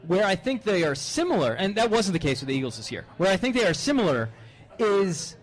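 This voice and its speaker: A man's voice: high voice, very animated, a little fast. A man hosting a casual sports discussion, making his points in a loose, conversational way. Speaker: sports podcast host.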